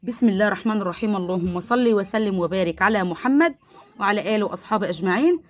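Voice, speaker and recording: A woman's voice: medium pitch, lively intonation, rapid-fire. A woman with an Egyptian accent, vlogging casually from her poultry coop, chatty and devout, full of blessings. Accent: Egyptian Arabic. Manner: nervous, laughing while handling a biting duck. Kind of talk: casual vlog, talking to viewers. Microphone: phone held while filming.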